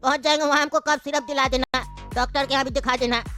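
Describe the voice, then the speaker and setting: A woman's voice: high voice, fairly even intonation, fast, bright, forceful tone, soft background music. A woman voicing a sick, grumbling old father in a cartoon who complains in a rustic, fussy way. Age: older.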